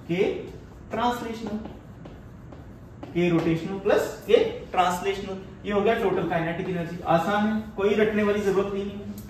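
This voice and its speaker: A man with an Indian accent giving a physics lecture, mixing Hindi and English and asking and answering his own questions. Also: sits high. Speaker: physics teacher. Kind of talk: classroom lecture. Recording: roomy, far from the mic, faint hiss.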